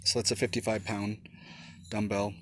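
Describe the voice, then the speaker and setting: A man's voice: lowish voice, level tone, normal speed, a little hiss or hum. A man casually showing off his homemade backyard gym equipment, talking in a rambling way with many fillers and an occasional curse, filmed on a handheld phone outdoors. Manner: rambling, swears when straining, many fillers. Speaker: vlogger. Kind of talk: casual show-and-tell. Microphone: handheld phone camera.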